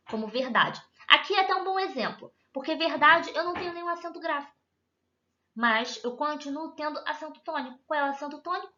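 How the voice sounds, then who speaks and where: A woman's voice: a little high, sharp tone. A woman with a Brazilian Portuguese accent teaching a grammar lesson, patient and often checking that listeners follow. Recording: echoey room, dull lo-fi sound.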